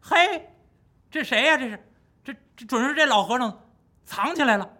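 A man voicing a boastful, brash male monkey king in a spoken folk tale, quick and self-assured. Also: extremely high pitch, animated, bright, forceful tone, voice pushed up, heavily acted. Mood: puzzled.

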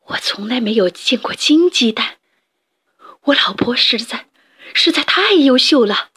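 A woman voicing a proud, excitable rooster father in a storybook, loud and blustering. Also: high-pitched, measured pace, husky, heavily acted. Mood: doting.

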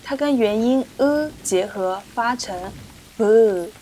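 A woman teaching pronunciation, explaining patiently and repeating syllables slowly for learners. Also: on the high side, darkish tone, slight background noise. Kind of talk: slow, clear teaching explanation with drilled syllables. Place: indoors, rain heard outside.

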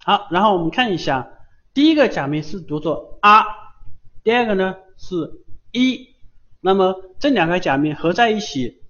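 Man, Japanese teacher, live-streamed lesson, patient, repetitive drilling, slightly high voice, dull lo-fi audio. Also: sing-song, moderate pace, fairly bright tone. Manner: patient, repeats words for students to echo.

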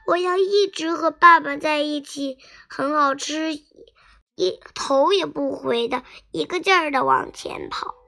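A woman narrating a children's bedtime story in a soft, sing-song storytelling manner. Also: high-pitched, vocal fry.

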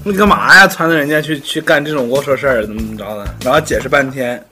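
A man's voice: medium pitch, fast talker, sharp tone. A man telling funny school stories in a casual chat, laughing as he goes. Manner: playful, laughing storyteller. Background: background music.

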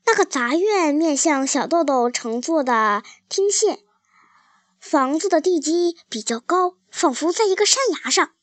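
A woman narrating a children's story in a calm, careful storybook reading. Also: sits high, measured pace, no room sound.

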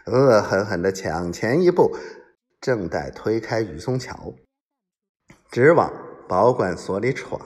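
Man, storyteller, dramatic, slow, long reverb. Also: on the low side. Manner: dramatic, acts out quoted voices. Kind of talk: serialized story narration.

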